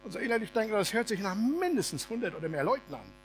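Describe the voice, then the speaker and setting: Brief: animated male preacher, colloquial and funny, retelling a story. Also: high-pitched, quick pace, slight background noise. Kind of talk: sermon told as a lively story.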